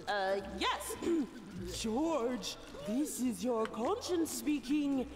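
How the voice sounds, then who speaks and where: A woman's voice: high-pitched, lively intonation, very slow, heavily acted. An actress playing a cheeky young woman in a video game, speaking in a wry, casual way, with reverb on the voice. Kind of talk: video game character acting. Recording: echoey, long reverb.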